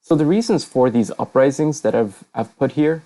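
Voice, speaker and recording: A man with a dark, mid-range voice and lively intonation speaks at normal speed while presenting a casual slide lecture over an online voice channel. Kazakh isn't his first language, and he comes across as hesitant, with frequent fillers and self-corrections.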